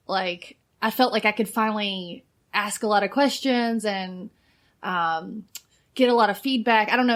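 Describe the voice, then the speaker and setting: A woman in her thirties, a biochemist guest on a podcast, chatting casually with lots of "like" and frequent laughter. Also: mid-range voice. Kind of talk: casual chat.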